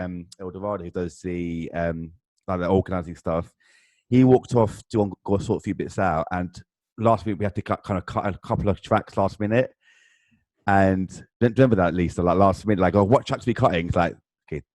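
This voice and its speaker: A man's voice: deep voice, darkish tone, dry recording. A man chatting casually on a video call podcast, telling stories with frequent laughs and fillers. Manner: laughing storyteller, lots of fillers. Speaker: podcast participant. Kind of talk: casual chat.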